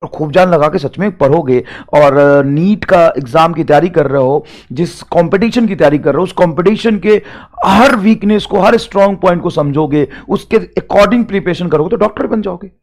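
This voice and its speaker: A young male teacher talks to students preparing for exams, pushing them hard in an emphatic, repetitive way. His voice sits a little above the usual male pitch, and he rises into loud urging before dropping to quiet, confiding asides. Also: moderate pace. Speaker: teacher giving a motivational talk. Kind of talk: motivational talk to exam students.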